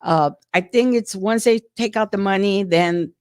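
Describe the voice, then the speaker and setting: A woman's voice: medium pitch, normal speed, clear, resonant tone, no room sound. Woman, 60s, co-host, chatty and rambling, dry close sound. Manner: chatty, rambling with restarts and laughs. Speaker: co-host, insurance agent. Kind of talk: casual chat.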